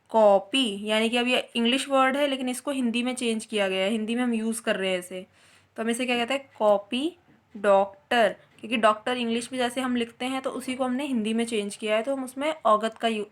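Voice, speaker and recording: A woman teaching a Hindi grammar lesson, explaining step by step and answering her own questions as she goes. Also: on the high side.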